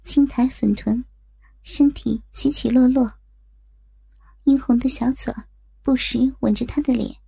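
High, breathy woman narrating a story. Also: steady tone, a little slow, pauses often, dark tone.

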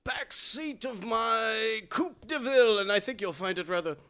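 A man's voice: high-pitched, a little slow, bright, forceful tone, clean tone. A man voicing a flirty oddball driver who calls in and sings along to his radio, in an improvised comedy call-in. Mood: goofy.

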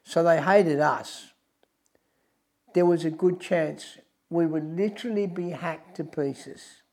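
An Australian man presenting as a wildlife host, telling adventure stories in a deliberate, emphatic, dramatic way, with music behind him. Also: a little high, darkish tone.

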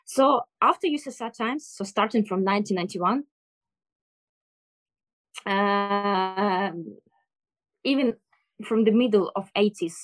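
A woman with a Ukrainian accent explaining things in an interview in careful, halting English, often searching for words. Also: mid-range voice, dry recording. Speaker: interview guest.

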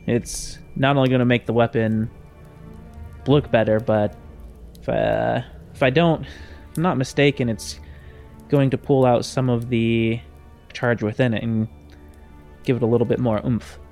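A touchy young shopkeeper who keeps his father's prices, full of chatty sales patter and quick to get defensive, as a man puts him on during a tabletop game. His voice sits at an ordinary middle pitch and is talked a touch higher and brighter than plain speech. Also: fairly even intonation, creaky, soft background music. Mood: salesy. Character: young male smith's son, touchy haggling shopkeeper.

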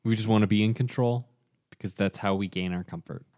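A man's voice: fairly low pitch, steady tone, fairly quick, a little mellow. A man co-hosting a show, casually analysing film characters in conversation. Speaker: co-host.

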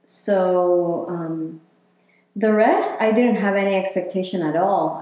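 A woman answers interview questions at an unhurried pace. Her voice is mellow and dark in tone, and she muses as she speaks, filling her pauses with "like" and "you know." The room around her is strongly echoey. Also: on the low side. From Chile. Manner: reflective, talks with many fillers. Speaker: interviewee, healer. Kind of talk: casual interview.

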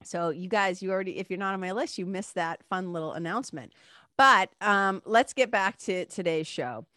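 A woman's voice: mid-range voice, normal speed, sharp tone, no echo, clean studio sound. A woman with a stuffy, congested nose and a nasal sound, hosting a solo podcast in a casual, playful, lightly sweary chatty way. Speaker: podcast host.

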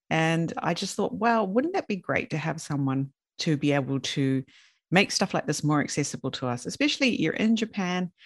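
Low-voiced chatty woman podcast host. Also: no room sound, clean studio sound. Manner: chatty and upbeat, with laughs and quoted asides. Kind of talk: casual podcast talk.

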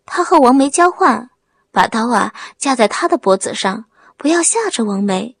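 Casting: woman voicing a young village man, timid act hiding cunning, husky, dry audiobook sound. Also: a little high, expressive, moderate pace, no room sound, heavily acted. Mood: pleading. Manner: timid stammering act, cold when angry.

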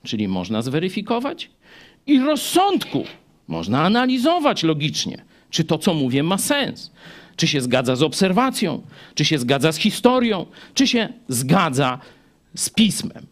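Male preacher, fairly high voice that swings a lot, chatty asides. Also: a little slow. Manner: animated, chatty, rhetorical asides. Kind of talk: Bible study sermon.

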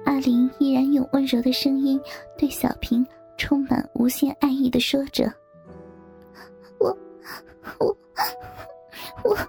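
A woman reading a scripted story aloud in a soft, half-whispered voice. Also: sits high, flat delivery, normal speed, gravelly, faint music behind.

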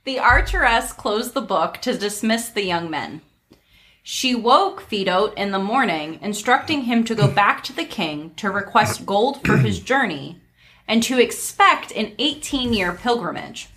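A woman's voice: medium pitch, lively intonation, unhurried, a bit bright, rough recording. A woman hosting and reading a folk tale aloud in a storytelling style, with casual asides. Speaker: narrator and host.

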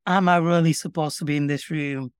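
A middle-aged man with a broad Yorkshire accent, speaking in a measured, earnest way as an interview guest. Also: on the high side, steady tone, clean tone, no echo. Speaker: interview guest, public sector communications professional. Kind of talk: reflective conversational interview.

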